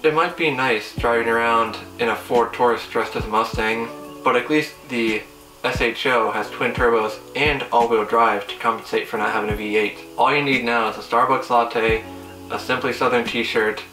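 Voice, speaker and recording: A young man hosts a car review with sarcastic, teasing jabs in a casual but scripted style. His voice is bright and punchy at a medium pitch. It sounds roomy and set back from the microphone, with faint music behind. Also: fairly even intonation, moderate pace. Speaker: car video host. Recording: roomy echo, distant mic, faint music.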